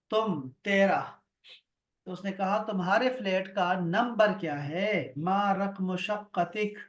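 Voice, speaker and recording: A man's voice: high-pitched, a bit bright. A man teaching an online Arabic class over a video call, patient and repeating words for drill. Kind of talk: online grammar lesson.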